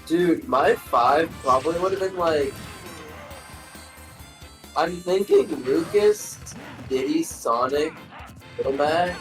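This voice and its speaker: A man's voice: a little high, slow pace, pauses often, far from the mic, soft background music. Laid-back young man, off-mic and echoey. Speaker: friend on the bench. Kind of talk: casual chat. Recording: echoey, off-mic from across the room.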